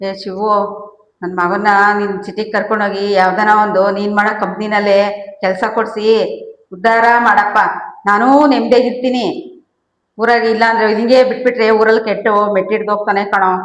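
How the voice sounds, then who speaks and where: A woman playing a village mother who talks softly, worried and scolding. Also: medium pitch, fairly even intonation, fairly quick, roomy sound, poor audio. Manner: soft-spoken, scolding and worried. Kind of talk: village comedy short-film acting.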